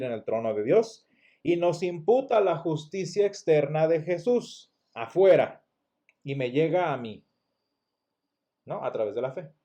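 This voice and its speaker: A man gives a church Bible lesson in a mellow, slightly higher voice. He explains step by step, often restarts words and keeps putting rhetorical questions to his class. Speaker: Sunday school teacher.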